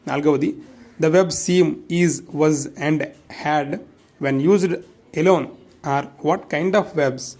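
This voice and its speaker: A man's voice: fairly high pitch, extremely slow, darkish tone. A man with a Telugu accent teaching an exam revision lesson. He reads out quiz questions and their answers and explains them, moving between English and Telugu.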